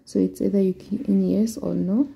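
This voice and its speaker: A woman's voice: medium pitch, fairly even intonation, gravelly, dark tone, muffled recording. A Kenyan woman walking viewers through an online form step by step in a screen-recorded tutorial. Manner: slow, step-by-step explaining. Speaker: vlogger.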